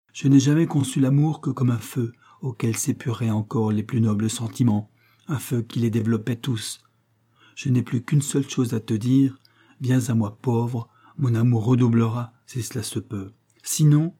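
An earnest young wife pours out a tender, moralizing letter, read by a man. The voice is dark and mellow with a husky grain, steady and solemn. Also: mid-range voice, close to an everyday voice.

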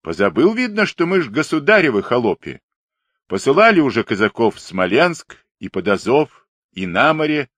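A man voicing a defiant Cossack centurion who shouts hoarsely and mockingly. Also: a little high, huge pitch swings, measured pace, dry recording, pitched above the performer's own voice, heavily acted. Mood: defiant shouting. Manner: mocking, scornful.

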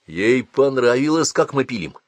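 A wily, chatty police sergeant, put on by a male storyteller. He talks in lively swings of pitch and turns bossy. The sound is dry and close. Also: moderate pace, no echo, close to an everyday voice. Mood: sly.

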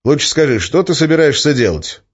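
A man's voice: a little high, sing-song, fairly quick, breathy edge, voice pushed up. A man playing a weary, fed-up magician. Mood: curt. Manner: curt, grumbling, flaring into outbursts. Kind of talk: audiobook character voice. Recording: slightly muffled lo-fi recording.

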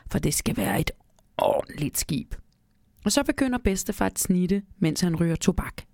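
A woman narrates a children's Christmas story in a calm, measured way, then chats casually. Her voice sits low with a gravelly fry, and the recording is close and dry. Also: no echo. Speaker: storyteller and co-host. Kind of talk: storybook reading and casual chat.

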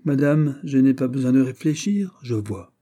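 A man's voice: mid-range voice, lively intonation, moderate pace, dark tone, voice pushed up, natural voice. A man voicing a jealous, indignant young French prince in an audiobook, heated and insistent. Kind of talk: audiobook character voice.

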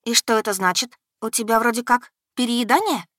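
A woman voicing a lively, caring young heroine with eager, animated speech. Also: a little high, brisk, no echo, clean studio sound, pitched above the performer's own voice.

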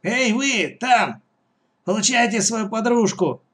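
A man's voice: high voice, animated, slow, a bit bright, pitched above the performer's own voice, heavily acted. Man putting on a bossy old pirate woman. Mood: mocking. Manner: bossy, mocking. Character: greedy fierce old woman pirate leader.

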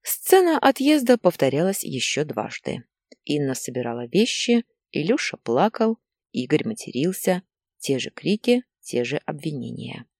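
A woman narrating a story in an even, measured way. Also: deep voice, creaky, dry recording, clean studio sound. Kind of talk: audiobook narration.

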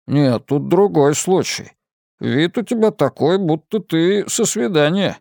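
A man's voice: a little high, lively intonation, unhurried, vocal fry, darkish tone, no room sound, clean studio sound, voice pushed up. A man voicing a soothing, easygoing police chief. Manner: soothing, good-natured. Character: easygoing conflict-avoiding male police chief.

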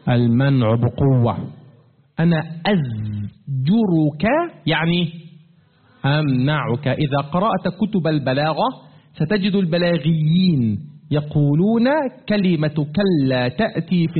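Man teaching, tinny phone-like sound. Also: husky. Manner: asks questions and repeats them; wide swings in pitch, slows to stress key words. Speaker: teacher of Quran commentary. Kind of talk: classroom-style religious lesson.

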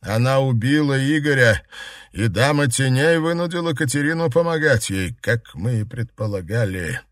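A man voicing a grave older male magister with measured speech in an audiobook. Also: medium pitch, expressive, dry recording, studio quality, voice pushed up, lightly acted.

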